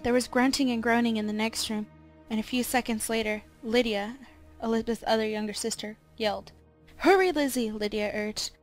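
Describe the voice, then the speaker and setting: A woman reading a scripted serial story aloud in a measured, slow, dramatic storytelling manner, with faint music behind her. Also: on the high side, little pitch movement. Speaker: narrator.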